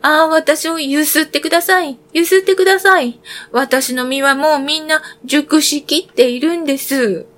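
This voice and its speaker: A woman voicing a high, begging apple tree. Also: fairly even intonation, normal speed, fairly bright tone. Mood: pleading. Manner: calling out, begging. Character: pleading apple tree heavy with ripe fruit. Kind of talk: storybook reading.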